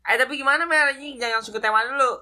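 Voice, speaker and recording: A young man tells animated stories in casual podcast chat. His voice is bright and forward. His talk is slangy and full of swearing. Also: very high voice, very fast. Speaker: podcast co-host.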